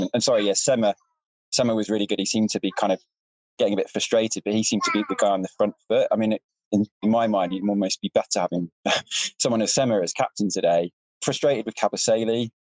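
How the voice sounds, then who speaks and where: Man, British accent, fairly low voice, football fan caller, casual, polite. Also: a little mellow, no room sound, low-quality recording. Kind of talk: casual phone-in opinion.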